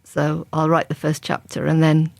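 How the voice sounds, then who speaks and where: Here the English crime writer's voice is low and gravelly, delivered completely flat at normal speed with no echo. As an interview guest she answers reflectively and conversationally, restarting her thoughts often.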